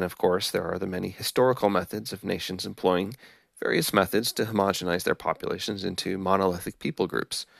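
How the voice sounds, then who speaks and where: A man hosting a podcast episode, reading a prepared script on samurai ideals in a measured, explanatory way. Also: sits low, gravelly, no echo, clean studio sound. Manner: measured, explanatory, apologetic about pronunciation. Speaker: podcast host. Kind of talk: scripted narration.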